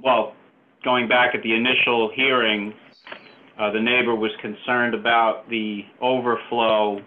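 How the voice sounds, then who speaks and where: A man joining a virtual public meeting by phone, presenting his application hesitantly with many fillers and restarts. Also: lowish voice. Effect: heard over a phone line. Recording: tinny phone line.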